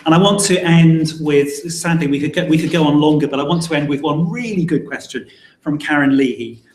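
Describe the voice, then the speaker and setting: A man's voice: fairly high pitch, fairly quick. A man hosting a live webinar panel discussion. He often stumbles and repeats words as he starts a thought. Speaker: webinar host. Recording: echoey room, faint noise.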